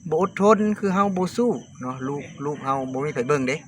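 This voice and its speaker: A man hosting a casual interview, talking quickly and repeating words. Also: a little high. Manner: quick, repeats words, fillers like nah and maen. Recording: background noise.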